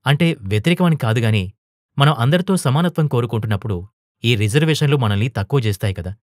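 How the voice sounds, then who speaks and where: A man voicing a timid young woman teacher in an audio storybook, hushed and hesitant. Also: mid-range voice, animated, fast talker, no room sound, studio quality, lightly acted. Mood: placating.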